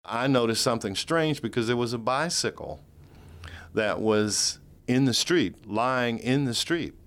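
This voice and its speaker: A man recounting what he witnessed in a slow, deliberate way in a documentary interview. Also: medium pitch, a bit bright. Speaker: eyewitness interviewee.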